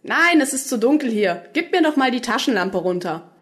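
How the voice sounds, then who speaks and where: A woman reading the lines of a quirky, excitable male alien time traveller in a storybook. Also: a little high, normal speed, pitched above the performer's own voice. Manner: excitable, rambling, lively.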